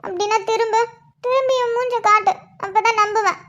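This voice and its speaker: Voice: extremely high pitch, fairly even intonation, a little fast, pushed and bright. A performer voicing a clingy, tipsy young wife in a cartoon, pleading and whiny, speaking speech. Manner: pleading, childish, teasing.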